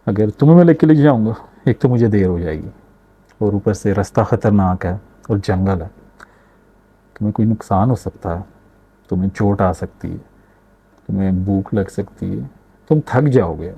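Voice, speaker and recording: A man's voice: lowish voice, normal speed, long pauses, breathy edge. Patient protective father, told by a man. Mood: warning. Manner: gently warning, reassuring.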